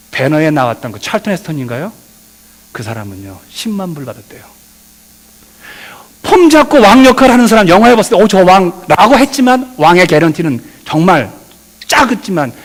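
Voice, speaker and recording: A middle-aged male pastor preaching a sermon, swinging between loud emphatic peaks and quiet asides, addressing the congregation directly. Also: a little high. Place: church sanctuary. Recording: long reverb of a church hall.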